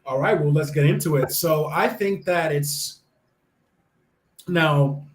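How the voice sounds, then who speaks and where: A young adult American man with a fairly high voice speaks slowly as an enthusiastic guest in a casual interview chat. He uses lots of fillers and restarts, and the recording is in an echoey room.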